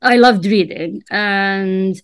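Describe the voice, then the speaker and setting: Interview guest: middle-aged woman from Jordan, first language Arabic, smooth and clear tone, halting speech with lots of fillers, dry close sound. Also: mid-range voice, no room sound. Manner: hesitant, many fillers and restarts. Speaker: author and writer, interview guest. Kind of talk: casual interview answers.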